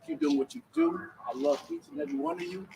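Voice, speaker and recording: A man from Liberia doing a loose, freestyle stand-up set, his voice rising and falling in a lively way and sitting a little high. He is caught from a distance by the mic, with faint noise behind him. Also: fast, gravelly. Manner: animated, loose and conversational. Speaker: stand-up comedian at open mic. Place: outdoor bonfire event.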